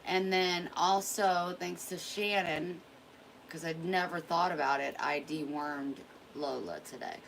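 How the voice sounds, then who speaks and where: A woman's voice: lowish voice, steady tone, measured pace, creaky, fairly bright tone, a little hiss or hum, poor audio. A woman vlogging at home, rambling candidly and confiding in her viewers. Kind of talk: casual chat to camera.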